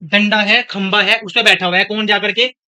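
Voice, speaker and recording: Young male teacher from India, high and very bright voice, chatty and scolding in a classroom lecture. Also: steady tone, moderate pace, clean tone. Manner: scolding, chatty, switches between lecture and anecdotes.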